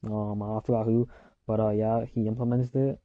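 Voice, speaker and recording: A man's voice: on the low side, little pitch movement, normal speed, dry recording, phone-quality sound. A young man talking about his racing league, hesitant and full of ums and restarts. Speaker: league member. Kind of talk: casual chat.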